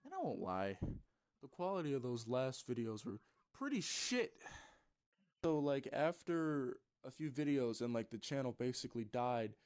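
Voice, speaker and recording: A man's voice: medium pitch, big pitch swings, moderate pace, darkish tone. A man, a gaming YouTuber, rambling through a casual story with loose swearing and plenty of fillers.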